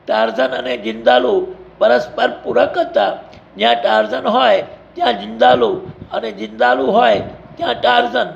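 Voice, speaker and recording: A man's voice: very high-pitched, normal speed, gravelly, a little hiss or hum. A man narrating an adventure story in a vivid, emphatic storytelling manner. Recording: dull lo-fi recording.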